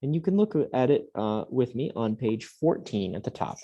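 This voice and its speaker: A man teaching a Latin lesson to young students, patiently drilling words aloud slowly and clearly. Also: mid-range voice, big pitch swings, mellow, dull audio. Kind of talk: recorded classroom lesson.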